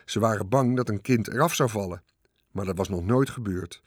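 A man's voice: normal speed, dry recording, studio quality. A man reading a children's story aloud, expressively following the action with his voice. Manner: expressive, swings pitch with the action. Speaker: narrator. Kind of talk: storybook narration.

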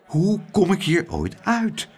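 A man's voice: sits high, huge pitch swings, takes it slowly, a little mellow, breathy edge, some chatter behind, pitched above the performer's own voice, heavily acted. A man reading an audiobook aloud, voicing a shy, bewildered, homesick boy who speaks earnestly and plaintively. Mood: dismayed.

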